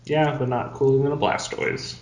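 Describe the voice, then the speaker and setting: A young man co-hosting a podcast over a video call, teasing and opinionated, quick to jump in. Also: mid-range voice, steady tone, a little mellow, roomy sound. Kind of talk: casual chat.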